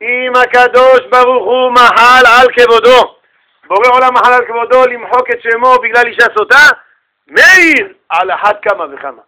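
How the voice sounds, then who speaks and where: A man's voice: fairly high pitch, sing-song, bright, forceful tone, voice pushed down, full character voice, low-quality recording. Man voicing Rabbi Meir, a humble old sage. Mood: solemn. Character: revered old male rabbi, gentle and humble.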